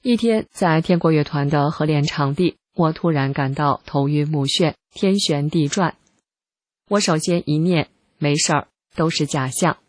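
A narrator calmly reading a first-person testimony article in steady scripted narration. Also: medium pitch, unhurried, no echo.

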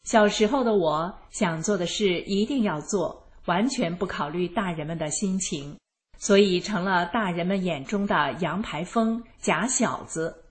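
A woman narrating her own life story in the first person, in a calm and even manner. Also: fairly low pitch, a little slow. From rural China.

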